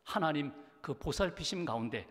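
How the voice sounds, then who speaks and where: A male pastor preaches with a fairly high voice, pressing his points with rhetorical questions and dropping to hushed tones between loud passages. His voice rings through a large church with a long reverb tail. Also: lively intonation, normal speed. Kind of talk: sermon. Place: church sanctuary.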